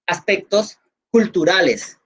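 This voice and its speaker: A woman's voice: mid-range voice, lively intonation, slow pace, a bit bright. A woman from Valle del Cauca with a Valle Colombian accent, teaching an online class in a chatty way, with everyday examples and many fillers. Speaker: instructor.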